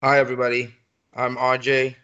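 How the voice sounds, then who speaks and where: A man from Tanzania gives a brief, matter-of-fact introduction, his voice flat in tone but smooth. The video call audio is dull. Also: mid-range voice, a little fast. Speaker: guest, co-founder.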